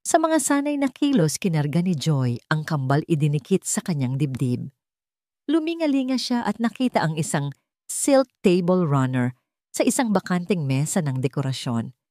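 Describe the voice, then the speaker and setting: A woman with a Filipino accent narrates a scripted, dramatic story as an audiobook in a deep, dark, sing-song voice at normal speed. The recording is clean studio sound with no room sound.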